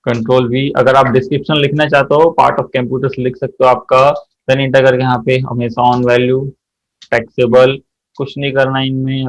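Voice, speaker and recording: A man teaching an accounting software class, walking through each step and quizzing his students as he goes. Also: mid-range voice, lo-fi sound. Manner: explains step by step, often checks students' answers. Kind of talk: software tutorial lesson.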